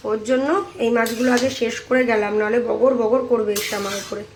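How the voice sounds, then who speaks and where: A woman's voice: fairly high pitch, steady tone, quick pace, noisy background. A woman from India chatting through her home cooking for a vlog, describing each step to viewers in a kitchen. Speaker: vlogger. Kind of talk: casual cooking vlog narration.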